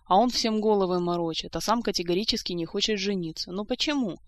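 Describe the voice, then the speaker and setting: A woman's voice: medium pitch, fast, no echo, close to an everyday voice. A woman reading the lines of a young male nobleman, heir to the throne, in a plain, grumbling way.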